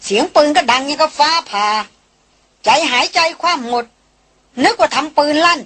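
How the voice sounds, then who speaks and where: A woman voicing a young man, a brother who scolds loudly. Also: high voice, lively intonation, racing, pitched above the performer's own voice. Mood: scolding. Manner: scolding, nearly shouting.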